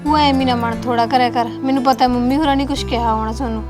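A woman's voice: fairly high pitch, steady tone, music in the background, lightly acted. A young woman playing a caring married niece who reassures her aunt. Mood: reassuring. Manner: rapid, reassuring.

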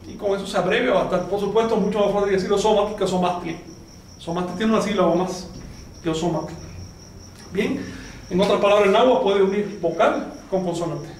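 Man, teacher, high voice, patient explaining, quizzes students, far from mic, very echoey room. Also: fairly quick, slight background noise. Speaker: language teacher. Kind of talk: classroom lesson.

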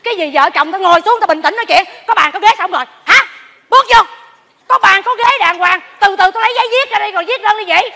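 A woman playing a nosy, pious neighbor in a stage comedy, gossiping with loud exclamations and hushed asides. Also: very high voice, lively intonation, racing, hardly any pauses, exaggerated voice. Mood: scolding. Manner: gossipy, exclaims loudly, then drops to a whisper. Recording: stage hall reverb, faint audience.

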